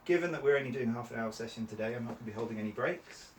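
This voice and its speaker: Speaking at a racing pace in a mid-range voice, a man from Cornwall runs a small training session with upbeat encouragement and many fillers. The room echoes, the mic sits at a distance, and a little hiss or hum is audible.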